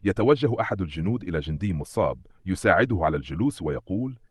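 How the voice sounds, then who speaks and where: A male narrator with a very deep voice and a husky grain recaps a comic story in steady, dramatic scripted narration. The sound is dry and close, with no room around it. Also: fast talker, dry recording.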